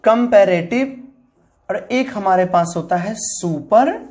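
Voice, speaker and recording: A woman's voice: medium pitch, measured pace, warm tone. A woman teaching an English grammar lesson, explaining step by step, repeating key terms, spelling words out letter by letter and calling her viewers guys.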